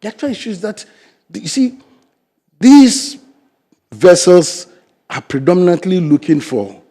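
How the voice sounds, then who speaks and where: An older Ghanaian man from the fisheries sector argues emphatically as a guest in a studio interview, his Ghanaian English accent clear. Very animated yet unhurried, he swings between loud stresses and low asides.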